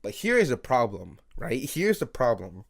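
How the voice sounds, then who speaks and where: A man's voice: mid-range voice, huge pitch swings, moderate pace, gravelly. A man in his early twenties hosting an unscripted late-night solo podcast, rambling, self-critical and swearing, with many fillers and laughs. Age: 20s. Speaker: podcast host.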